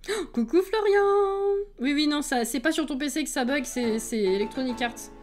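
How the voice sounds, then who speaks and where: Over soft background music, a woman with a slightly high voice speaks at a moderate pace to her live-stream viewers. She greets each one personally, keeps things loose, and laughs easily between comments.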